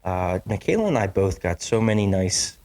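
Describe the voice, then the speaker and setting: Guy hosting a podcast from his basement, kinda low voice, lots of ums and restarts. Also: big pitch swings, moderate pace, darkish tone. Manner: chatty, apologetic, with many fillers and restarts. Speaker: podcast host. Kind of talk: casual solo podcast talk. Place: home basement studio. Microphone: studio microphone.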